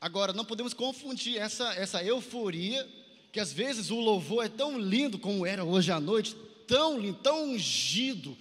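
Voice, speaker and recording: The speaker is a Brazilian man, originally from Santarém, Pará, delivering an exhortation-style sermon to young people in a big hall full of echo. He talks at normal speed in a high, animated, somewhat bright voice, and prompts the audience to echo phrases and reply.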